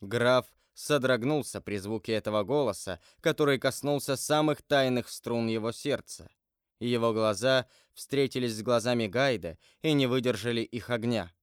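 A man of middle pitch reads a classic novel aloud for an audiobook, measured and expressive. His voice is smooth and resonant, recorded close and dry. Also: no room sound. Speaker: audiobook narrator. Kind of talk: scripted literary narration.

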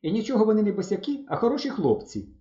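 An eager young pioneer girl, played by a male storyteller, with a raised, coaxing voice that bounces lively up and down. Beneath it sits a dark, warm timbre. The recording is roomy and a little muffled. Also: high voice, a little fast, voice pushed up. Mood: indignant. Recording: roomy, slightly dull recording.

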